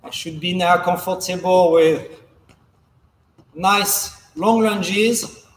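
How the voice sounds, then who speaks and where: A young man, a coach, giving calm, measured step-by-step instruction while demonstrating exercises in a large indoor hall. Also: high voice. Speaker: fencing coach. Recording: echoey gym hall, faint background noise.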